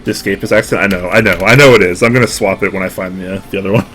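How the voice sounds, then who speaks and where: Rapid-fire and low-pitched, a young man chats to his live-stream audience from his home desk while putting a keyboard together. With music in the background, he stays relaxed, rambles, answers chat and keeps poking fun at himself.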